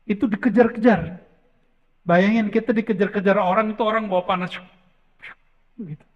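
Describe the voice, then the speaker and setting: High-voiced man preaching in a reverberant hall. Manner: emphatic, asks rhetorical questions. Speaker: Islamic preacher. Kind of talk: sermon storytelling. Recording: dull lo-fi with long hall reverb.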